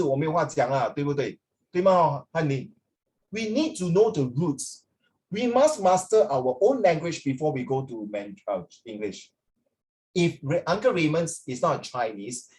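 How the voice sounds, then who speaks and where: His voice is mid-range with a darkish tone. A middle-aged language teacher with a Singaporean accent, he chats informally with his students, moving between English and Mandarin and often tagging sentences with "ah".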